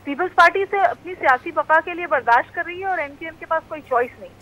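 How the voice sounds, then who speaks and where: A woman commenting as an analyst on a talk show panel, speaking in a measured way with hesitant fillers. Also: very high voice, lo-fi sound.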